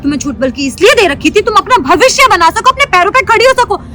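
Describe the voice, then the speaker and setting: A woman's voice: very high-pitched, big pitch swings, fast talker. A woman playing a stern scolding sister-in-law. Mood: angry lecturing. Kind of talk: web sketch acting.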